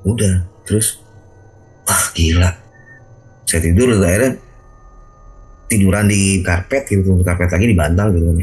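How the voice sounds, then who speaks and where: A man hosting a video call, casually telling his own ghost story in an animated way, acting out sounds with big jumps in his voice. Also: low voice, fairly quick, long pauses, low-quality recording.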